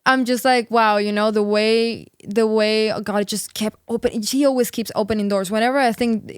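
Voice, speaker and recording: A Peruvian woman in her twenties, a singer and worship leader, chats casually as an interview guest, sounding earnest and upbeat while dropping lots of "like"s. Her smooth voice is a little high, with fairly even intonation and a moderate pace. The recording is clean studio sound with no echo.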